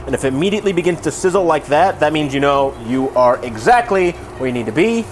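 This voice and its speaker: A man's voice: fairly high pitch, expressive, fast talker. A tipsy man hosting a casual cooking tutorial in a loose, jokey way, with mock-formal wording and wry asides. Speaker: cooking video host. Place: home kitchen. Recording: sizzling pan and kitchen noise. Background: frying sizzle.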